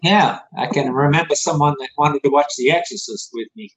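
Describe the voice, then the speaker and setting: A man's voice: on the high side, fairly quick, a bit bright, low-quality recording. A middle-aged man, the host's father, joining a casual podcast chat and speaking in a plain, teasing way. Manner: joking, teasing, plain-spoken.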